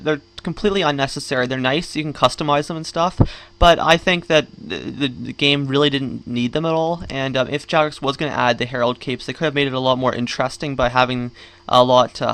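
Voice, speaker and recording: Still recovering from wisdom tooth surgery, this male gaming vlogger has a sore jaw and swollen cheeks as he grumbles and rambles through casual commentary on a game. His medium-pitched voice is fairly quick, smooth, and fairly bright.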